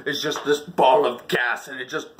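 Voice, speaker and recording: Crowd noise can be heard as a man with a medium-pitched voice and fairly even intonation hosts a comedic storytelling video at a moderate pace. He recounts personal stories in an animated, theatrical, exaggerated style, acting out reactions and adding sound effects.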